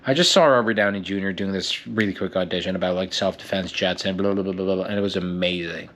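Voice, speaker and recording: A young man muses aloud in a solo vlog, drifting between thoughts and often restarting and repeating words. His voice is a bit low and his tone is reflective. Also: fairly even intonation, fast talker, a bit bright, slight background noise. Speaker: actor and fitness vlogger.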